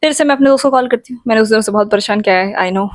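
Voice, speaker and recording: A woman's voice: a little high, fast, no room sound. Chatty young woman telling a story. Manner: chatty, playful, addresses viewers directly. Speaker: vlogger. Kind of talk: casual storytime.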